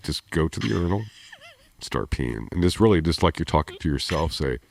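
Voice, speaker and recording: A man's voice: rumbling low, animated, brisk, creaky. A man co-hosting a podcast, joking bluntly in casual conversation. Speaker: co-host.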